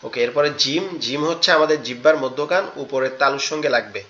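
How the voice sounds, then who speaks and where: Man from Bangladesh, tajweed teacher, bright clear tone over muffled call audio, patient and repetitive. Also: mid-range voice, slight background noise. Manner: patient, repeats each letter sound slowly. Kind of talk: online class instruction. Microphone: online class audio.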